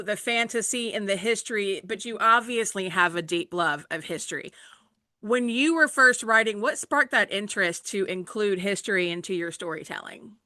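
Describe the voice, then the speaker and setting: Bright-voiced woman hosting an interview. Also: on the high side, no room sound. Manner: warm, chatty, laughs easily. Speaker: interview host. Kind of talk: casual interview talk.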